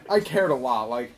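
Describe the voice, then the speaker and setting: A man casually telling a funny personal anecdote, animated and giggly, swearing freely and acting out his friends. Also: fairly high pitch, very noisy. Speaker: storyteller.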